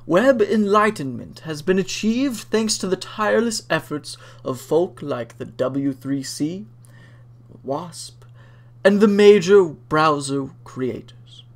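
A person giving a dramatic reading in a solemn, hammy stage-actor manner. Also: medium pitch. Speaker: dramatic reader of a web page.

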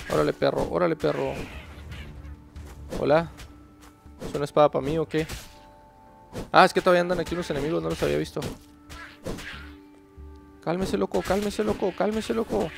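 A man's voice: fairly high pitch, gravelly. A man chatting casually to viewers while playing a game, talking to himself and to creatures on screen. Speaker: gaming channel host. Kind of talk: casual gameplay commentary.

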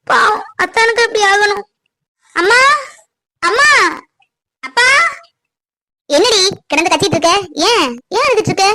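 A woman's voice: very high voice, vocal fry, a bit bright, no echo, full character voice. A woman voicing a tearful, pleading young village woman in a dubbed cartoon. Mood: upset. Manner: crying, pleading, insistent.

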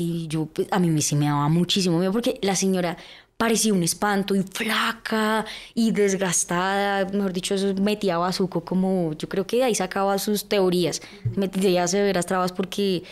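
A young woman with a Colombian accent, a podcast guest telling her life story in a lively way, with lots of fillers and acted-out quotes. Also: medium pitch. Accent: Colombian Spanish. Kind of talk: personal storytelling in a podcast interview.

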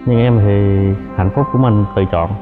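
A man's voice: on the low side, normal speed. A man answering briefly and shyly as a guest in a casual interview. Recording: tinny, phone-like, with music.

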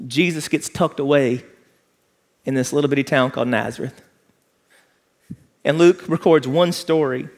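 Man, emphatic sermon, slightly high voice, big church auditorium. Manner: impassioned, emphatic preaching, walking the stage. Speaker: pastor. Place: large church auditorium with stage and audience.

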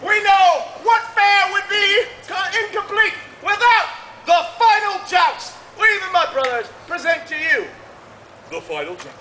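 A man performing hammy Renaissance fair comedy patter in a grandiose announcer's manner, shouting to an outdoor crowd. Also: extremely high pitch, a little slow. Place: outdoor wooded fair stage with mud pit. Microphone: distant camera in the audience. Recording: noisy roomy crowd recording from the audience.

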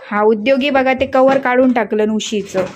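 A woman's voice: fairly even intonation, normal speed, a little hiss or hum. A woman with a Marathi accent chatting casually to camera at home about her dog and cat, now and then scolding and coaxing them. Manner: chatty, scolds and coaxes pets in a higher playful voice. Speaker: pet vlogger. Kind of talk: casual vlog narration to camera. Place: home indoors.

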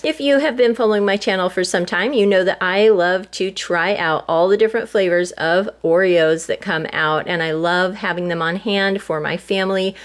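An older woman talking casually at home about her grocery haul, chatty and homey, lingering on prices and family meals. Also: fairly low pitch. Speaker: vlogger. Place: home, at a table.

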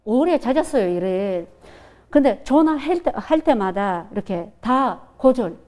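Woman, Kyrgyz-accented Korean, fairly high mellow voice, halting interview answers. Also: lively intonation. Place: indoor cafe.

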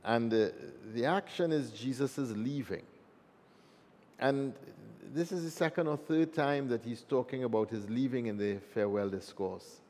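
A man's voice: mid-range voice, normal speed, a little mellow. A priest reading the gospel and giving a homily in a plain, conversational way, with a long church echo on his voice. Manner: plain, conversational, with fillers and restarts.

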